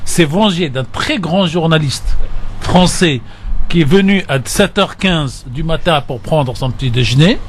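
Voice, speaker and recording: A man with a notably high voice speaks as a guest on a radio debate. He tells anecdotes with energy and acts out the voices of the people in them. A faint hiss sits under the audio. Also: measured pace. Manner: animated storyteller, acts out dialogue.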